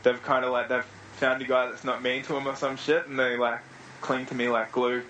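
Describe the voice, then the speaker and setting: A man's voice: medium pitch, little pitch movement, brisk, a bit bright, slight background noise, low-quality recording. Swearing thirty-something Australian man. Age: 30s. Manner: casual, swears freely, rambling anecdotes. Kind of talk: casual chat.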